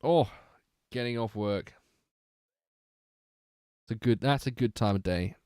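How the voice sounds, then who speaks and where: A man's voice: mid-range voice, a little slow, darkish tone, clean tone, no room sound, clean studio sound. A sleepy young man chatting casually on a livestream, rambling and trailing off as he talks. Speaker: streamer.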